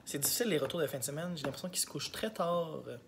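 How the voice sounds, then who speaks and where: A male elementary school teacher with a Québécois French accent rattles off a casual, candid vlog diary, rambling and full of fillers. His voice is a little high with a lively intonation and a rapid-fire pace. There's background noise.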